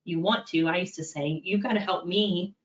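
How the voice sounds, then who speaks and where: A middle-aged woman, a native English speaker and compliance executive, gives a candid, practical presentation in a conversational style full of fillers. Her voice is fairly low, steady in tone and moderately paced. The room sounds distant, echoey and dull.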